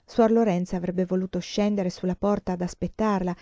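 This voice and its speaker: Mellow-voiced woman reading a novel. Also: fairly low pitch, dry recording, highs cut off. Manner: measured, expressive reading. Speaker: audiobook reader. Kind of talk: literary narration.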